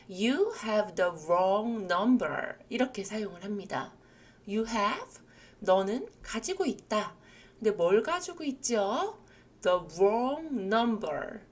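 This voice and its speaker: A woman with a Korean accent gives a recorded English lesson aimed at older learners. She speaks very slowly and patiently, drawing out each explanation and leading repeat-after-me drills. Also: mid-range voice. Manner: patient, drawn-out explanations, leads repetition drills. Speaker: English teacher. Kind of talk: slow recorded language lesson for seniors.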